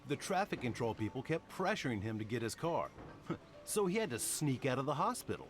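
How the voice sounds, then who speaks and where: An actor in his 40s voices a chatty, middle-aged car mechanic in a romance game, sounding folksy, casual, and sympathetic. His natural, medium-pitched voice is very animated and brisk, with slight background noise.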